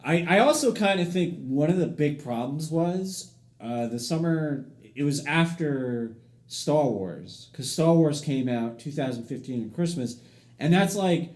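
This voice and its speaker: A man's voice: fairly high pitch, lively intonation, a little slow, a little mellow. A man co-hosting a podcast, chatting casually about movies and agreeing a lot. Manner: easygoing, frequent "yeah, yeah" agreement. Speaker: podcast co-host.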